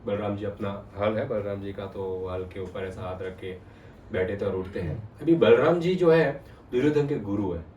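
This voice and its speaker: A man's voice: fairly low pitch, normal speed, muffled recording, slight background noise. A man giving a devotional discourse, retelling scripture and asking his listeners questions. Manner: animated, asks the audience questions. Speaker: spiritual storyteller. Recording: roomy sound from a distant mic.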